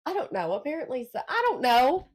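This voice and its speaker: Young woman, podcast co-host, dry teasing banter, bouncy lively voice, a bit high. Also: brisk, slightly rough. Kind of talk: casual chat.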